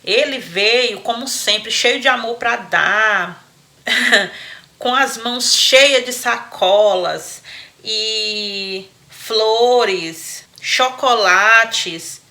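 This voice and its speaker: A woman host retells a listener's story, breaking off for chatty asides to her audience as friends. Her voice is bright and clear, sitting slightly high. She is animated and laughs easily. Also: drawn-out words.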